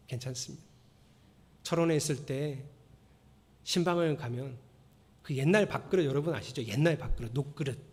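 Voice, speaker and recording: High-voiced pastor preaching in a reverberant church. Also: male voice, breathy edge. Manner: lively storytelling, acting out quotes and prayers, swings between loud and hushed. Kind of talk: sermon. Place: church sanctuary.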